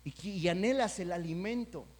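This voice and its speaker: A pastor preaching a sermon, talking conversationally and then building to loud, emphatic peaks. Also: male voice, high voice, moderate pace. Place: church sanctuary. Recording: church hall with long reverb.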